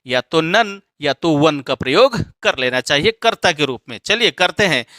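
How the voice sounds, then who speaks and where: A man explains English grammar to students step by step, often stopping to ask whether they follow. His voice sits high and sounds bright and forceful. The sound is dry and close. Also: lively intonation, moderate pace, no room sound. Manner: explains step by step with frequent check questions.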